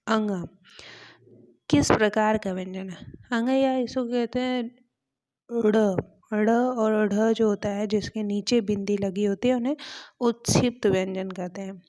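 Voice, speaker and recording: A woman teacher slowly going through exam questions one by one, repeating each example sentence as she explains it. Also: medium pitch, fairly even intonation, a little mellow. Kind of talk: exam question walkthrough lesson.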